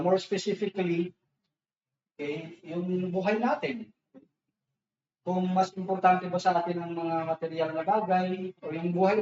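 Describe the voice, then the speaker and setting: A fairly high-voiced man preaching a sermon to his congregation. He talks casually, restarting phrases and checking in with tag questions. The sound is dull and lo-fi, with heavy room echo, since he stands some way from the mic. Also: darkish tone, far from the mic, slight background noise. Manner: conversational, mixes Tagalog and English, frequent restarts and tag questions. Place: church hall. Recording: echoey church hall, dull lo-fi sound, speaker off-mic.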